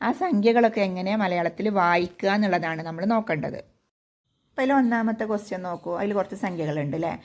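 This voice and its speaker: A woman's voice: medium pitch, quick pace, darkish tone. A woman with a Kerala Malayalam accent teaching a children's textbook maths lesson, patiently asking questions and answering them herself. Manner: asks and answers her own questions, patient.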